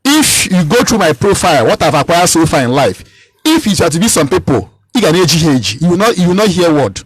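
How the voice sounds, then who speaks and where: A man's voice: high-pitched, husky, dry recording, rough recording. A man in his thirties with a Nigerian accent, speaking as a political candidate in a radio interview, emphatic and given to repeating and restarting his phrases. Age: 30s.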